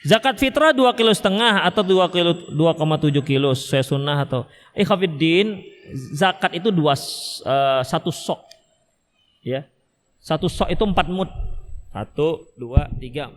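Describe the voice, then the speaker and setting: A man's voice: high-pitched, moderate pace. A man from Medan, Indonesia, giving an Islamic study lecture, joking and acting out husband-and-wife exchanges. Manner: animated, joking, acts out husband-wife dialogues. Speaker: Islamic religious teacher. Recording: echoey hall reverb.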